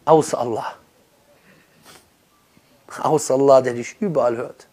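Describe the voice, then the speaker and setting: A man preaching a sermon with passion, speaking straight to his listeners as brother and sister and swinging from loud urging to hushed, quiet lines. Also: medium pitch, steady tone, unhurried.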